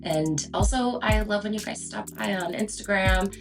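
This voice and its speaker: In a casual instructional video chat, a woman who hosts a show and coaches voice-over talks in a chatty, emphatic style. Her voice is mid-range with vocal fry and a normal speed, and music plays behind her.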